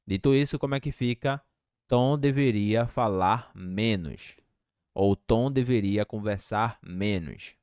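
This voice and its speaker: Slow, deep-voiced male English teacher. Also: darkish tone, clear, resonant tone, dry recording, clean studio sound. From Brazil. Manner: slow, repeating example phrases deliberately. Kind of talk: language lesson.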